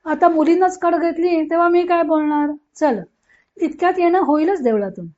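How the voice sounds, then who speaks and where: A woman reading the part of a sharp-tongued, teasing older aunt who talks bluntly and scolds, in a dull lo-fi recording. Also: extremely high pitch, moderate pace. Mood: scolding.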